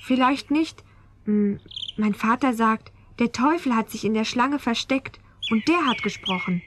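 Woman storyteller, gentle, thoughtful, noisy recording. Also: on the high side, a little slow. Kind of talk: storytelling to children.

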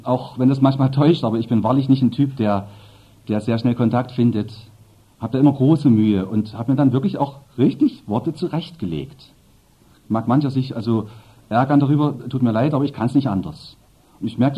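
A man's voice: mid-range voice, normal speed, slightly rough. A man preaching a sermon, speaking emphatically and addressing the congregation with asides. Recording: dull lo-fi sermon recording.

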